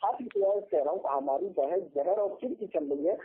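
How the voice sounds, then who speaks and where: Brief: husky, fairly high-voiced male debater who keeps interrupting, tinny phone line. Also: expressive, a little fast. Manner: insistent, interrupting. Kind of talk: heated religious debate.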